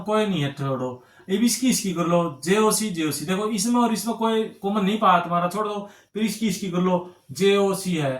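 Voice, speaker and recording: A man's voice: sits high, reverberant. A male teacher explaining exam reasoning problems, often checking in with his students and calling them brother and friends. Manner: repetitive, keeps checking with "ठीक है ना". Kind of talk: reasoning lesson at a whiteboard.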